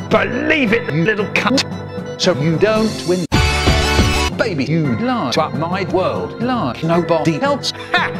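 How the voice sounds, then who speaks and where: A man whose speech is spliced together word by word from recordings, so it sounds choppy and boastful in a comic rant. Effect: spliced together words cut from recordings, pitch and loudness jumping between words. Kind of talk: comic sentence-mixing rant.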